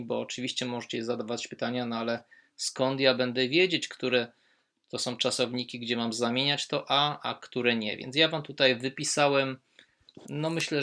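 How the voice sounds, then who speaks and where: A male German teacher talks through verb endings in a slow, unhurried way. His voice is bright and clear, and he calmly leans on each example word he wants learners to remember. It sounds like an online lesson recording. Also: medium pitch. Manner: patient, explains step by step, stresses German example words.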